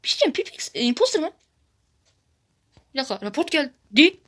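High, bright, fast-talking woman gamer. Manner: excitable, repeatedly addresses viewers as friends; shrieks loudly when frustrated. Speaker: gaming YouTuber. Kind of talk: casual gameplay commentary.

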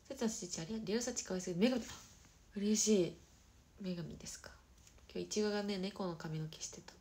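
A young woman hosting a casual livestream who chats quickly and brightly with viewers, often dropping to a soft murmur. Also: medium pitch, gravelly. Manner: fast-talking. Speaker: idol livestream host. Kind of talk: casual livestream chat reading viewer comments.

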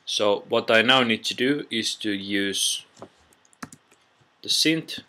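A man walks through a casual software tutorial one step at a time, stopping frequently, in a low, slow-paced voice that carries a bright, hard edge. The audio comes from a built-in computer mic, with slight background noise.

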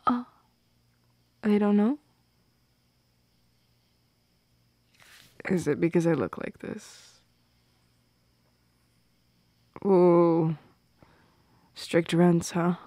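An audio roleplay performer voices a shy, teasing goth girl for intimate ASMR acting, her fairly low voice soft and breathy, often slipping into creaky whispers. She is unhurried yet hesitant, halting with small laughs as she teases. Recorded on a close microphone in a dry space, the audio is studio quality with no room sound.

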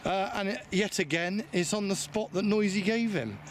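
Angler behind the camera, teasing banter, lakeside noise. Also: male voice, high-pitched, moderate pace. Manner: joking, teasing, swears freely. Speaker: angler filming his friend. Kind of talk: casual banter while filming. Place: lakeside outdoors. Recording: outdoor ambience and water noise.

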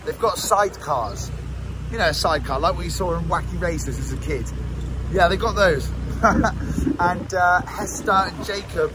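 Here the British vlogger's voice sits high with lively intonation at normal speed, and there's background noise. In his twenties and brought up mainly in Singapore, Southeast Asia, he chats to camera in a relaxed, slangy style outdoors at a small-town open-air bar and roadside, recording on a phone or camera held at arm's length.

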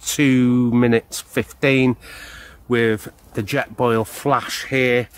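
Slow-talking man in woods. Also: medium pitch, flat delivery, no echo. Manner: chatty, explanatory, unhurried. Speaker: outdoor gear vlogger. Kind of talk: casual product demonstration. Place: woodland outdoors beside a hammock. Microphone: handheld camera close up.

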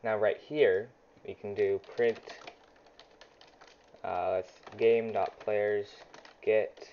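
A man's voice: lowish voice, fairly even intonation, extremely slow. Casual young man explaining code. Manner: casual, thinks aloud while typing, frequent ums. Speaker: YouTuber teaching game scripting. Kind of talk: screen-recorded coding tutorial. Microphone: desk mic near a loud keyboard. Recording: dull lo-fi home mic, faint typing noise.

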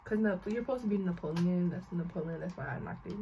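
A woman's voice: fairly low pitch, quick pace, mellow, lo-fi sound. A young woman chatting casually as co-host of a home joke challenge. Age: young adult. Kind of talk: casual chat. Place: bedroom, indoors. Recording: faint noise in home room.

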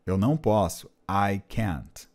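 Lively man teaching English. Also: fairly low pitch, slow pace, noisy background. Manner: patient, repeats and translates phrases. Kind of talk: explanatory language lesson.

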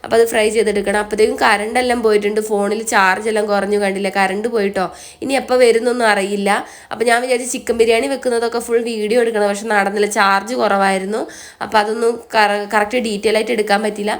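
A woman's voice: mid-range voice, fairly even intonation, very fast. A young Malayali woman with a blocked, nasal voice from a cold, chatting through a casual voice-over for her vlog. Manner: chatty, often ends phrases with a soft tag word. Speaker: vlogger.

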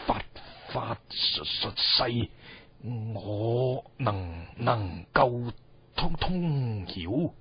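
A man voicing a dying male philosopher in a dramatic tale, serene and resigned, with a weak, husky, halting stammer. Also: lowish voice, full character voice. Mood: earnest, dying. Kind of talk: dramatic storytelling. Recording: dull, roomy recording with music.

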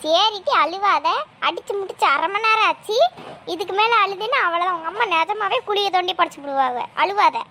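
A woman voicing a loud, exasperated village mother in a family cartoon, scolding and lamenting at length. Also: very high-pitched, a little fast, a little hiss or hum. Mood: comforting. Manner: scolding, dramatic complaining. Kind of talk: cartoon dialogue.

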